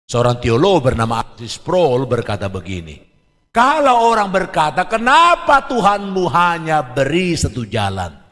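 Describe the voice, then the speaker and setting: A male pastor preaching a sermon, questioning the congregation and swinging between quiet lines and shouted ones. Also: fairly high pitch, big pitch swings, a little slow. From Indonesia. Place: church. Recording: church hall reverb on a livestream.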